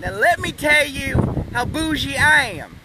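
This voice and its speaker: A man, shouting over the wind in a casual mock-report live vlog outdoors. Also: very high-pitched, lively intonation, a little slow. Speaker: live-stream storm reporter. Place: outdoors in a yard by a house. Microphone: phone at arm's length. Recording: windy phone recording, wind hitting mic.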